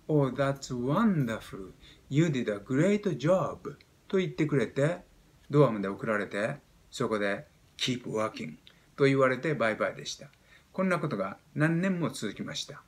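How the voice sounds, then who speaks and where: A Japanese man in his seventies teaching pronunciation, explaining step by step and demonstrating sounds with animated emphasis. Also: medium pitch, brisk. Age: 70s. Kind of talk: explaining lesson.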